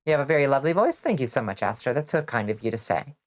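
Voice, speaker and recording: A woman chats with her stream while gaming, her voice sitting extremely low in pitch. She sounds nasal and congested from a stuffy nose. She rambles loosely, reacts to chat and swears casually. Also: sing-song, rapid-fire. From Georgia, US. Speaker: vtuber streamer.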